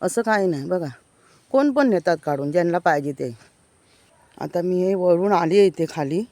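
A woman's voice: fairly low pitch, expressive, moderate pace, mellow, no room sound. Woman, walking village tour, enthusiastic, keeps saying look, outdoors, handheld phone, birdsong. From Konkan, India. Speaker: vlogger giving a village tour. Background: birds chirping.

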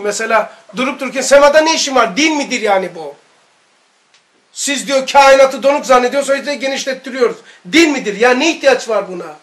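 A man teaching an informal religious lesson, animated, asking his listeners rhetorical questions and barking mock military commands as examples. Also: extremely high pitch. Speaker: religious study-circle teacher.

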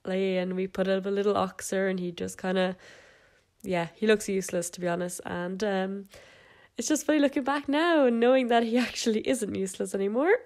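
A young woman who vlogs about riding narrates clips of her horse in a casual, chatty way, full of fillers and little laughs. She's congested from a cold, nasal and stuffed up, and her medium-pitched voice is brisk and a little mellow.

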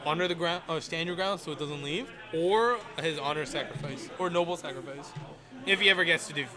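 A man's voice: fairly high pitch, over music. A man commentating a live card game match in a casual, chatty way, agreeing often and sometimes stumbling over his words. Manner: chatty, quick agreeing interjections, some stumbling. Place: game store with crowd behind. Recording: crowd chatter in background.

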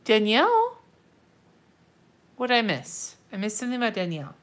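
Pitched on the high side, her voice swoops wildly as she talks at a moderate pace, nasal and congested from a blocked nose. At an indoor desk, she decorates a planner live on stream, chatting in a relaxed way, muttering to herself, responding to viewers and cursing here and there.

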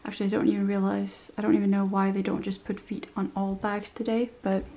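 Here a young woman talks fast through a casual handbag review, her mid-range, mellow voice completely flat and touched with vocal fry. She's chatty and descriptive with many fillers, sounds slightly nasal from a recent cold, and is recorded in a small room.

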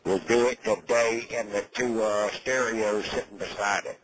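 A man's voice: lowish voice, fairly even intonation, normal speed, fairly bright tone, a little hiss or hum. A man on a recorded jail phone call, speaking urgently and insistently as he gives instructions. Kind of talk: private phone conversation.

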